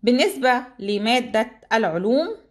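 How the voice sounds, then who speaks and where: A woman teacher with an Egyptian Arabic accent reads out a long list of exam topics in a steady, even way. Her voice sits a little on the high side. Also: normal speed.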